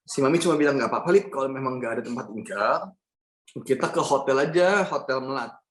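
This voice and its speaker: A man's voice: medium pitch, fast, roomy sound. A young man giving a personal testimony talk, telling his story to an audience he calls his friends and acting out the dialogue. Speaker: motivational speaker.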